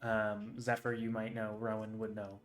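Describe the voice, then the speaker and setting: A man's voice: on the low side, completely flat delivery, normal speed, faint music behind. A man running a tabletop game as game master, describing the scene in a loose, rambling way full of ums and likes.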